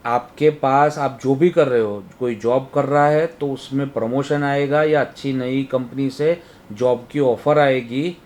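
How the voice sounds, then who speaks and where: हिंदी में पढ़ाता हुआ वास्तु शिक्षक, आदमी. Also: male voice, mid-range voice, steady tone, measured pace, a little mellow. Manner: explains step by step, often asking "right?". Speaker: Vastu teacher. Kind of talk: webinar lecture.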